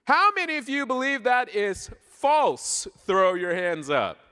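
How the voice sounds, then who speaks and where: This animated Canadian guest preacher from Southern Ontario has an extremely high, smooth, unhurried voice. Speaking to a congregation in a large church hall, he delivers a playful, conversational sermon and keeps asking the audience questions, all caught live with long reverb.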